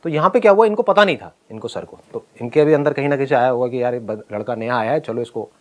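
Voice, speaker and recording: A middle-aged man casually telling a personal story, animated, often laughing and acting out what people said. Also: mid-range voice, fast. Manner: animated, laughs while telling, acts out quoted lines.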